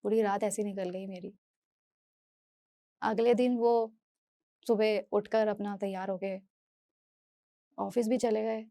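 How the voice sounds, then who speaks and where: A woman from Delhi giving an earnest, halting first-person testimony as a speaker, often restarting and repeating her phrases. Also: mid-range voice, steady tone, dark tone, dry recording, clean studio sound. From Delhi, India. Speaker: speaker sharing a personal story.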